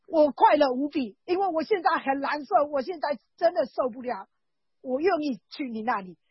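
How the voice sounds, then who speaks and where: A woman's voice: high-pitched, animated, normal speed, no echo, dull audio. A woman giving an earnest, emotional religious testimony at church, repeating herself often.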